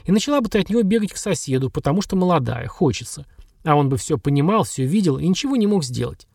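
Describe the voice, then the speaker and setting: A man's voice: on the high side, big pitch swings, fast, gravelly, a little mellow, no echo, clean studio sound, heavily acted. A man voicing a young ex-soldier in a wheelchair in an audiobook, bitter and blunt, then sorry. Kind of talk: audiobook dialogue.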